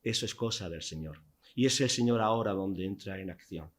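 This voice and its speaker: A man from Spain, preaching a sermon in a church hall, telling the story vividly with rhetorical questions and swings from loud to hushed. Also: low-pitched, fairly quick.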